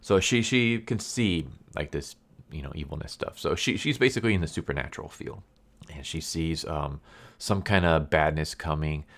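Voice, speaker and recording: Male reviewer, very low voice, non-native English speaker, R's come out as W's, stumbles over words, casual rambling delivery. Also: a bit bright. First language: a language other than English. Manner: says w for r, slows down on r sounds. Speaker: comic book reviewer.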